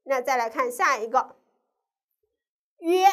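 A woman with a high voice teaches a lesson to young children. Her pitch swoops up and down a lot. She asks the class questions and stretches out each sound in a sing-song way. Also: big pitch swings, unhurried, a bit bright. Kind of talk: primary school pinyin lesson.

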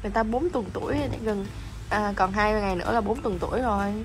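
Narrating a casual vlog from home, this pet vlogger chats with viewers and coos baby talk at her puppies in a doting voice. She speaks fast in a mid-range voice.

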